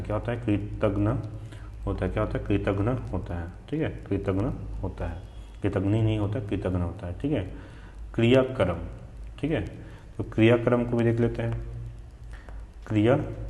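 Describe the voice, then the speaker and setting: A Hindi teacher from Chhattisgarh with a regional accent drills exam spellings, asking questions and answering them himself. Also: male voice, lowish voice, warm tone, roomy sound. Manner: repetitive drilling, asks then answers himself. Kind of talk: spelling lesson for exam students.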